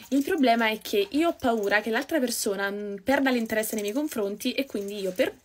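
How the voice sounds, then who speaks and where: A young woman from Naples, chatting quickly and casually to her viewers while doing her makeup. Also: on the high side. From Naples, Italy. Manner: fast-talking, chatty, addresses viewers as "raga". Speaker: beauty vlogger. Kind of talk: casual get-ready-with-me chat.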